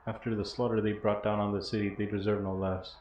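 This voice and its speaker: A man's voice: fairly low pitch, little pitch movement, fast, darkish tone, lightly acted. A man voicing a poor, blind old former smuggler from a video game, wry and bitter, in a rambling storyteller's delivery. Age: older. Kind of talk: reading video game dialogue in character. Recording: dull, roomy audio with faint noise.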